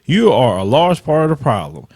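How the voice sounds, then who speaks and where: A channel host with a Southern US accent and a slight lisp reads troll comments aloud and rebuts each one, combative and emphatic, his pitch rising and dipping very animatedly at a moderate pace. His voice is husky and a little mellow. It's casual commentary, recorded dry and close with no room sound.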